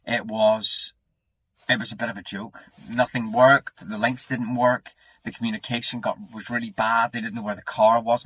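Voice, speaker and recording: British man in his forties, slightly husky. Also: fairly low pitch, a bit bright, no echo. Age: 40s. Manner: rambling, mildly grumbling. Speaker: car owner making a review video. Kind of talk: casual chat to camera. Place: echoey indoor space.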